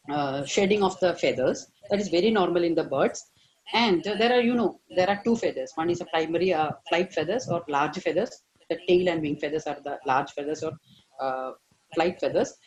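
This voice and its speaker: A man's voice: sits high, expressive, normal speed, a little mellow, rough recording. A man giving an online veterinary lecture, hesitant with many fillers and stressing key words.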